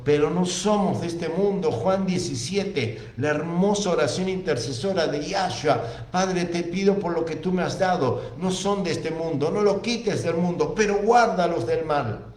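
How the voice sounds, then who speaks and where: A man's voice: on the high side, darkish tone, roomy sound. A man with an Argentine accent preaching a sermon, reading scripture aloud and repeating key phrases for emphasis. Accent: Argentine Spanish.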